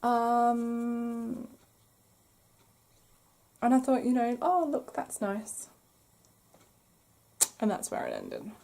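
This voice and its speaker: A woman hosting a crochet podcast, chatting casually to camera with a croaky throat she keeps clearing, apologetic and self-deprecating. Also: on the high side, extremely slow, pauses often, warm tone. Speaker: podcast host.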